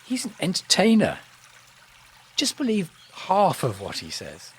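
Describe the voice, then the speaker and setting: A woman's voice: on the low side, huge pitch swings, unhurried, slightly rough, exaggerated voice. A woman playing an older wife who speaks dismissively and reassuringly. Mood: wary.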